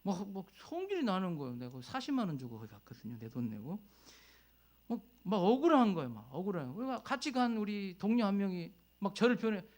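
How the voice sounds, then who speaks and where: A male pastor preaching a sermon, telling a personal story in a conversational way, rising to loud emotional peaks and dropping to near whispers. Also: high-pitched, big pitch swings, quick pace, hardly any pauses.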